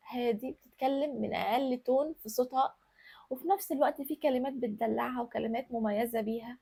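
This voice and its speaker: A woman's voice: high voice, creaky, a little mellow, breathy edge. A woman with an Egyptian accent hosting an advice video, speaking straight to the viewer in an emphatic, coaxing way. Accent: Egyptian Arabic. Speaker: lifestyle and femininity advice host. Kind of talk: direct-to-camera advice talk.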